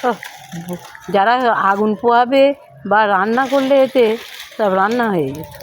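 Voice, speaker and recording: Speaking at normal speed in a fairly high voice, a home vlogger, middle-aged or older and a grandmother, chats casually through her day at home. She talks to viewers as if they were friends, and the handheld recording is slightly noisy.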